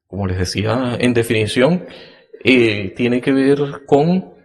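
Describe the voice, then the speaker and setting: A man hosting a podcast, explaining a topic slowly and deliberately, with many fillers and restarts. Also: expressive. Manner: acts out example phrases in a raised, sing-song pitch. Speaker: podcast host.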